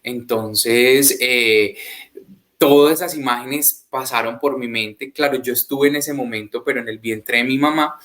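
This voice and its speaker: A man's voice: mid-range voice, measured pace, fairly bright tone. A young man, earnestly telling his personal faith testimony in a reflective way. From Colombia. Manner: earnest, reflective, quotes others in a raised voice. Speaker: guest giving a faith testimony.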